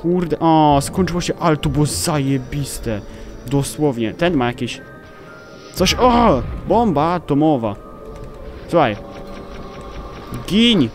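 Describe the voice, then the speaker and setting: Excitable gamer over game music. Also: male voice, medium pitch. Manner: excitable, exclaiming and swearing at the game. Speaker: gameplay commentator. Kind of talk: let's play commentary. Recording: game music playing behind.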